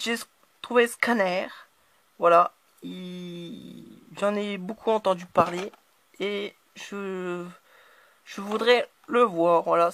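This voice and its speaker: A channel host talks to camera about her latest DVD purchases in a relaxed, hesitant way, constantly using filler words, often pausing and circling back to find her words. Her middle-pitched voice sounds dry and close, with no room echo.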